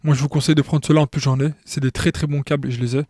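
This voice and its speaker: A man's voice: on the high side, flat delivery, very fast, a little mellow, dry recording, clean studio sound. A man giving an informal tutorial, explaining step by step with many restarts and checking in with the viewer. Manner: frequent restarts and repeated words. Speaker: tutorial maker.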